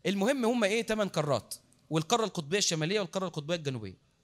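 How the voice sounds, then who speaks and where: Lively Egyptian preacher with a high voice. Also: male voice, rapid-fire. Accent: Egyptian Arabic. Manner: lively, repeats words for emphasis, asks the crowd questions. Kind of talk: mosque lecture. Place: mosque.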